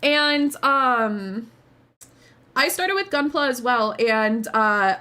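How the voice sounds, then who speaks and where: A woman livestream host chatting casually with viewers in a cute, bubbly anime-streamer manner, excitable and gushing, with casual swearing. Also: on the high side, takes it slowly, clean tone.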